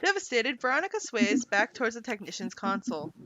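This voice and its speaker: A woman narrating stage directions in a table read of a screenplay, with quick lively asides. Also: fairly high pitch, dull audio.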